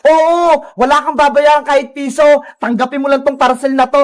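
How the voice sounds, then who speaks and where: A woman's voice: high voice, fairly even intonation, fairly quick, lightly acted. A woman voicing a kindly, patient male delivery rider in a cartoon, speaking in a reassuring, polite way. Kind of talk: cartoon voice acting.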